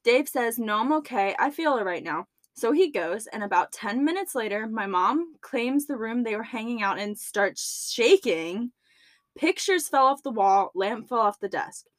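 A woman's voice: on the high side, expressive, measured pace, no room sound. A young woman co-hosting a podcast, reading a story aloud and chatting casually, laughing between lines. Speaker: podcast co-host.

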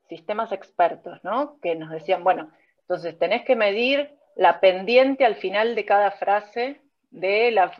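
A woman with a Rioplatense accent, a speech technology researcher, explaining her field step by step in an interview. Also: lowish voice. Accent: Rioplatense Spanish. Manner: patient, explains step by step with examples. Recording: dull lo-fi sound.

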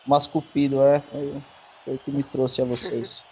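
A man with a Brazilian Portuguese accent, appearing as a guest on a casual podcast, rambles through a story and stumbles over his words. His voice is medium-pitched, flat and unhurried, with a dark tone and a breathy edge.

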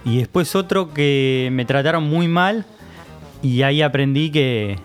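A young man with a Rioplatense accent, a podcast guest telling an animated story in casual chat and acting out the people he quotes. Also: on the high side, measured pace, soft background music. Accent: Rioplatense Spanish.

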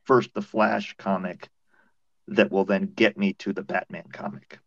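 A man's voice: sits low, steady tone, measured pace, gravelly, fairly bright tone, no room sound. A man on a video call in a casual podcast debate, explaining his points step by step. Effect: heard over a video call. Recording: dull, dry video call audio.

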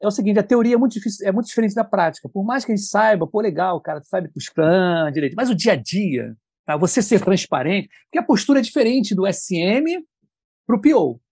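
A man telling work stories in a lively, colloquial way with lots of slang. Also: high voice, a little fast, slightly rough, no echo, clean studio sound. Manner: lively, colloquial, animated storytelling. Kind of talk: casual conversation.

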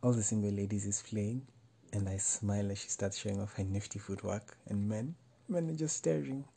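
A man reading a first-person story aloud in a measured, wry way. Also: fairly low pitch, flat delivery, dark tone, husky. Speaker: narrator.

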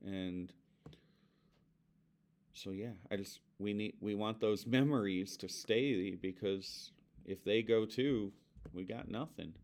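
A man's voice: lowish voice, slow pace, pauses often. A man co-hosting a podcast, a bereaved father talking earnestly and reflectively about grief. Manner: earnest, reflective, speaks softly of his son.

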